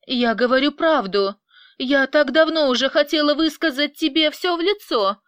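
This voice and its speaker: A woman voicing a distraught, defiant young mother with shrill, tearful outbursts. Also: moderate pace, a bit bright, dry recording, studio quality. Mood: anguished.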